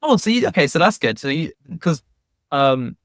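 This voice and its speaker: A man's voice: on the high side, very animated, normal speed, dry recording, studio quality. A man hosting a podcast who asks his guest questions in an easygoing, conversational way. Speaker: podcast host. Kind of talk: podcast interview.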